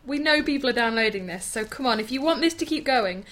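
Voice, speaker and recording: A woman's voice: on the high side, expressive, fast, fairly bright tone. A British woman co-hosting a casual podcast, teasing and laughing often, her voice slightly strained from laryngitis. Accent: British English. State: recovering from laryngitis. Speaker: podcast co-host. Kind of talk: casual chat.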